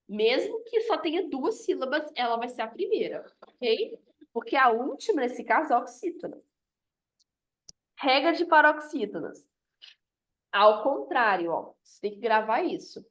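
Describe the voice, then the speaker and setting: A woman's voice: high voice, very animated, measured pace, long pauses, a bit bright. A woman teaching a grammar review lesson, explaining step by step and often checking in with "ok?".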